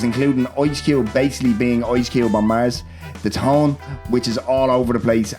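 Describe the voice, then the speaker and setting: A man's voice: mid-range voice, darkish tone. Irish podcast host, a Dublin man, music behind. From Ireland. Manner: informal, sweary, often tagging on "do you know what I mean". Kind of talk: casual film discussion.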